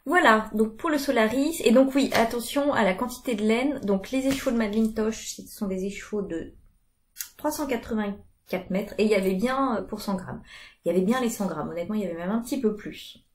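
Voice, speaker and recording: A woman's voice: mid-range voice, brisk. A woman in her thirties, chatting casually about her knitting with many fillers. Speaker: knitting vlogger. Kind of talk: casual chat.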